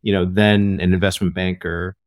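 Podcast host, man with a very low voice; measured, explanatory, dry studio mic. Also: flat delivery, no room sound. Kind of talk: casual conversation.

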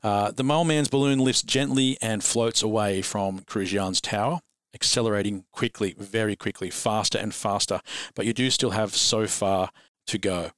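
A man narrating as dungeon master, relaxed and rambling, often chuckling. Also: on the low side, normal speed, no room sound. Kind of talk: narrating a tabletop game.

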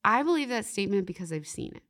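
With a fast, sing-song delivery and a fairly bright mid-range voice, a young woman guests on a faith podcast. She talks about faith earnestly and reflectively, peppering her words with "like" and "you know."

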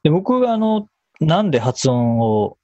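A man talking casually in an interview about how he learned pronunciation, in a relaxed, storytelling way. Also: fairly high pitch, unhurried, dry recording, highs cut off. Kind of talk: conversational interview.

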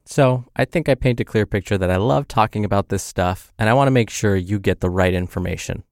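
A man with a lowish voice hosts a health advice show, speaking fairly quickly and directly to the listener. His scripted narration is upbeat, tidy and instructive, captured as a dry, clean studio recording.

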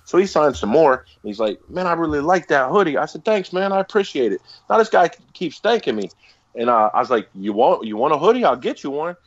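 A man's voice: on the high side, big pitch swings, a little fast, no room sound, lo-fi sound. A man from Florida, an autograph collector telling a story bluntly over a video call whose audio keeps cutting off at the ends of words. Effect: choppy video-call audio with cut-off endings.

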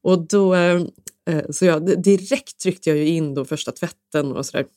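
Podcast co-host, woman, lowish voice, animated storyteller who acts out dialogue, dry close recording. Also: no room sound. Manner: animated storyteller acting out quoted voices, laughing often. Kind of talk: casual storytelling chat.

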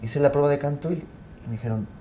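Lively actor telling stories. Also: male voice, on the high side, fast, heavy background noise. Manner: animated storyteller who laughs often and acts out quotes. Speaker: actor guest. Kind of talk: casual talk-show chat.

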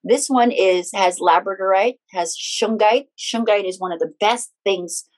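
A woman speaking as an interview guest and healing practitioner, explaining things conversationally in halting steps with restarted phrases. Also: mid-range voice.

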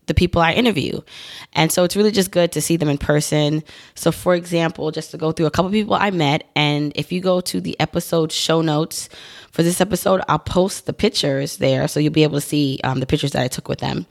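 A woman in her thirties, with a low, creaky voice, hosts her own podcast solo. She talks in a chatty, upbeat way full of rambling asides, her voice still recovering after she lost it.

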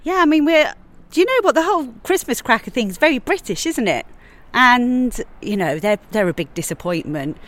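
A woman chef chatting casually outdoors as a podcast guest, lively and prone to laughing. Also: a little high, brisk. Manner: chatty, animated, with frequent laughs. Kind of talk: casual chat. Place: outdoors on church steps.

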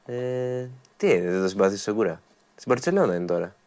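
Lower-pitched chatty man. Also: very animated, darkish tone. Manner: chatty, laughs easily, teasing. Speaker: co-host presenting event picks. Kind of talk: casual studio chat.

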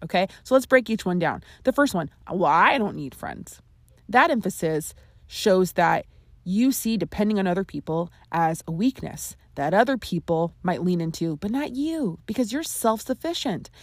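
A young adult woman hosts a solo podcast, speaking earnestly and conversationally with playful emphasis. Her mid-range voice is a little mellow, with lively intonation and a moderate pace, on a dry, clean studio recording.

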